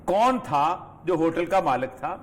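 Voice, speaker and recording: A man's voice: on the high side, expressive. A man from Pakistan giving emphatic, lecturing political commentary on a TV studio talk show. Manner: emphatic, lecturing, rising forcefully on key points.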